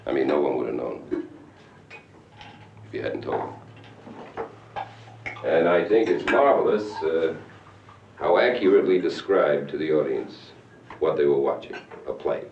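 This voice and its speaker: Needling stage director, low gravelly voice, very animated, distant echoey muffled recording, faint hiss. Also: male voice, exaggerated voice. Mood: sarcastic. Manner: sarcastic, then pressing with rapid questions. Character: blunt, needling male theater director.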